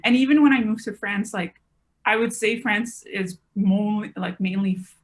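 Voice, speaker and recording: A woman's voice: medium pitch, normal speed. Chatty young woman podcast guest. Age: 20s. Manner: chatty, rambling, many "like" fillers. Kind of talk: casual conversation.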